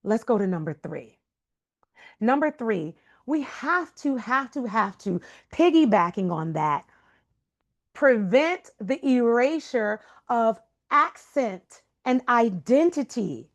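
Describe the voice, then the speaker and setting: A woman voice coach giving a webinar talk over a video call, emphatic and expressive, sometimes dropping into a soft whisper for emphasis. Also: on the high side, takes it slowly. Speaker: voice coach and guest speaker. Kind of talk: webinar presentation.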